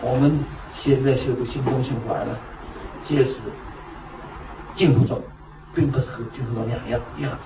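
A man's voice: medium pitch, steady tone, moderate pace, long pauses. Man giving a Buddhist talk from far off. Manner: storytelling, asks rhetorical questions. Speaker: Buddhist teacher. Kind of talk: dharma talk. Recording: echoey room, distant mic, noisy.

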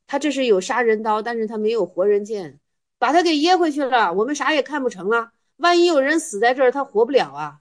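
Higher-pitched woman teaching Zen koans. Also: animated, quick pace. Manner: teasing, rhetorical questions, storytelling. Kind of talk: explaining Buddhist koans to students.

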